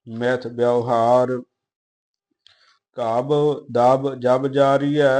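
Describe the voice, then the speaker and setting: A man reciting scripture slowly in a measured chant, with quick, quieter spoken notes on pronunciation. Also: medium pitch.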